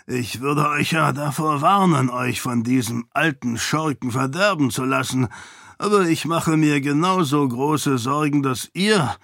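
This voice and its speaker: A man voicing a portly, blunt, booming count in an audiobook, talking slowly and blusteringly. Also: fairly bright tone, no room sound, studio quality. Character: portly boisterous male count, blunt glutton. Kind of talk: audiobook character voice.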